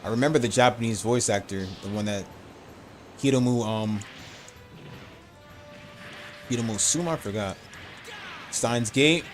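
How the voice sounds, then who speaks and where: A man's voice: mid-range voice, a little slow, pauses often, soft background music. A man chatting casually on a live game stream, rambling and opinionated.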